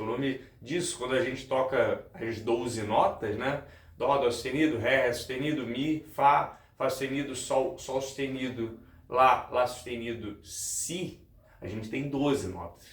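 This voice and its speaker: A male music teacher giving a guitar lesson, explaining step by step, repeating key points and speaking straight to his viewers. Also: medium pitch. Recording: roomy, with guitar playing.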